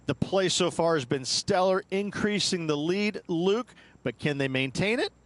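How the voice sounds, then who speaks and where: A man's voice: sits high, animated, unhurried, no room sound. A man giving colour commentary on golf in brief, punchy interjections. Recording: crowd and ambience noise behind.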